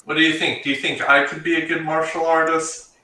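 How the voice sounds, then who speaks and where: A man's voice: on the high side, little pitch movement, brisk, sharp tone, echoey room, distant mic, rough recording. A man voicing a curious woman adventurer in a tabletop role-play.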